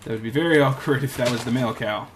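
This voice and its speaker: A man's voice: mid-range voice, quick pace, slight background noise. A man giving casual commentary while playing a video game, muttering to himself and coaxing in-game animals. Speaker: gameplay commentator. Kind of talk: casual let's-play commentary.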